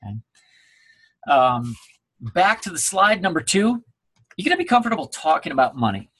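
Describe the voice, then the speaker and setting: A man's voice: fairly high pitch, big pitch swings, moderate pace, fairly bright tone, slightly rough. A man giving a recorded sales training presentation, emphatic and coaching, checking in often with his listeners. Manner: emphatic, coaching, frequent "okay?" check-ins.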